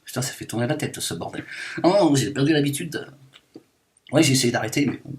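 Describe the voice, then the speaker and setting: A man's voice: mid-range voice, lively intonation, brisk, natural voice. A man voicing a self-declared liberated woman in a satirical monologue, ranting with endless fillers in mock indignation. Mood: indignant. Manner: rambling rant full of fillers, mock-indignant.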